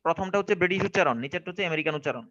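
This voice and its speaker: A man's voice: sits high, racing, fairly bright tone, lo-fi sound. A man with a Bangladeshi Bengali accent teaching English pronunciation to a class, often asking whether they follow. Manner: questioning, checks understanding often. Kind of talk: online classroom lesson.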